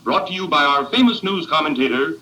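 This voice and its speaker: An actor playing an excitable 1930s radio announcer in an old newsreel manner, breathless and showy, on a vintage film soundtrack. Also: male voice, fairly high pitch, brisk, poor audio. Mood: excited build-up.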